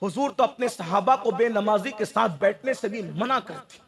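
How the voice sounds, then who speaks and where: A man preaching a fiery religious sermon to a large gathering, repeating phrases for emphasis and swinging between shouted climaxes and hushed pleading. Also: high-pitched, animated, normal speed. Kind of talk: impassioned Islamic sermon.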